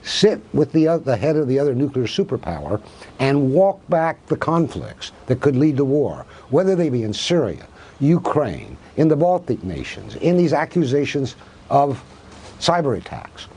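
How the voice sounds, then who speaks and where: Male academic guest, husky, animated intonation, argumentative and full of rhetorical questions. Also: mid-range voice, normal speed. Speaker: professor of Russian studies, guest. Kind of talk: televised news interview.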